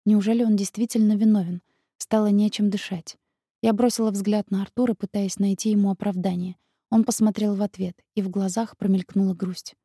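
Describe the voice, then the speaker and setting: Husky woman reading an audiobook. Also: medium pitch, little pitch movement, brisk, warm tone, no room sound, clean studio sound. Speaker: narrator. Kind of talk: first-person audiobook narration.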